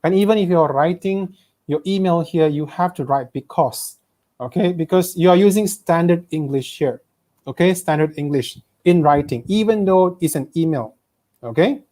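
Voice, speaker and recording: A man's voice: on the high side, normal speed, dark tone. A man with a Malaysian accent teaching an online exam-prep English lesson, reading students' questions aloud and checking in with frequent "okay?".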